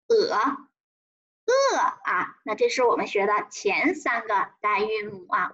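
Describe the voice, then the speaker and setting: A woman's voice: fairly high pitch, fairly bright tone, husky, muffled recording. A woman teaching a children's pinyin lesson, drawing out tones in a sing-song way and prompting the class to repeat after her. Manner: sing-song, drawn-out tone demonstrations. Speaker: primary school teacher.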